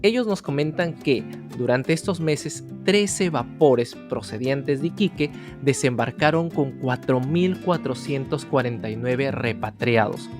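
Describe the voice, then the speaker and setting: A man narrating an educational history video, telling the story directly to the viewer. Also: a little high. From Peru. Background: guitar music.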